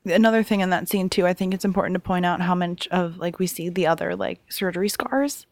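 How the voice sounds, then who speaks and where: A woman's voice: fairly low pitch, fairly quick, no room sound. A woman in casual podcast chat, steadily recapping a film's plot with frequent "like" and "um".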